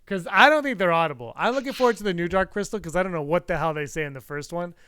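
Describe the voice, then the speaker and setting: A man's voice: high voice, lively intonation, fast talker, fairly bright tone, clean tone, no room sound. A man co-hosting a casual livestream podcast who laughs often, pokes fun at himself and wanders off topic. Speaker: podcast co-host.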